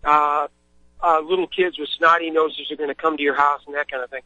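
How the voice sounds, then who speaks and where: A man's voice: fairly high pitch, flat delivery, fairly quick, bright, forceful tone, no room sound. A man calling in to a radio show over a phone line, talking in a casual, rambling way with lots of fillers while on the move in a vehicle. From Missouri, US. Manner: rambling, friendly, many fillers. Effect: clipped phone line. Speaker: caller. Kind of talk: casual call-in chat. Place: in a moving vehicle. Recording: dull, dry phone audio.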